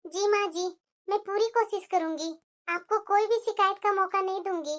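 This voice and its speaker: Cartoon: a naive, eager young bride, meek and polite, extremely high-pitched. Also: female voice, fairly even intonation, normal speed. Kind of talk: cartoon voice acting.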